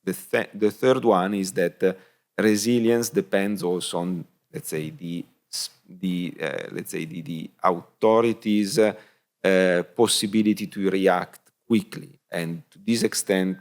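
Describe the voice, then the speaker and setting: A man presenting at a conference session, hesitant and full of fillers. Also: deep voice. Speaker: conference speaker. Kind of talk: presentation talk.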